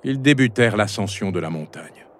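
A man narrating a children's storybook chapter in an expressive storytelling manner. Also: lowish voice, brisk, slight background noise.

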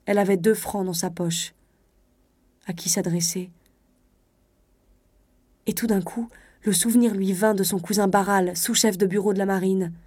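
A woman narrating a classic story in a measured, literary way. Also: medium pitch, steady tone, darkish tone, breathy edge, no room sound.

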